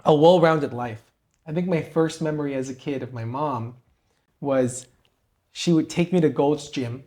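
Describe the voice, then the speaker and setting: Unhurried and a little mellow, this young man from Peru, a podcast co-host, talks in a higher register. He tells his story and gives advice earnestly and motivationally in conversational interview style.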